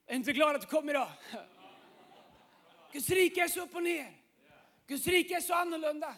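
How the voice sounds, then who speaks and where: A man preaching a sermon as pastor, swinging between impassioned shouting and hushed tones, dropping English phrases into his speech. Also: very high-pitched.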